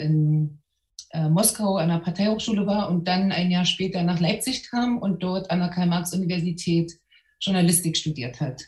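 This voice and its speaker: A middle-aged journalist from East Berlin, Germany, appears as a guest on a panel, recounting her personal story thoughtfully with frequent hesitations. Her voice sits on the low side with a darkish tone, and the room is echoey.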